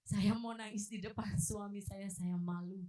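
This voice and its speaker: A woman preacher delivering a sermon in a church, animated, acting out quoted voices and swinging between loud outbursts and hushed asides. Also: mid-range voice, unhurried. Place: church hall. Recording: echoey hall from far off.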